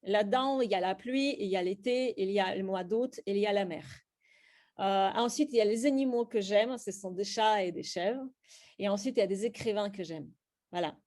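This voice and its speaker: With a darkish tone and medium pitch at normal speed, a middle-aged woman from Russia talks through her writing while leading a slam poetry workshop. Her Russian accent comes through, and she often hesitates, using fillers and restarting.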